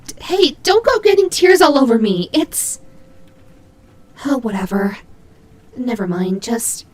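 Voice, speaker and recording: A woman voicing a tsundere nightmare animatronic rabbit, gruff but protective, in an intimate, hesitant roleplay audio drama style. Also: fairly high pitch, expressive. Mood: flustered, snappy. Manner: hesitant, halting, flustered tsundere softness.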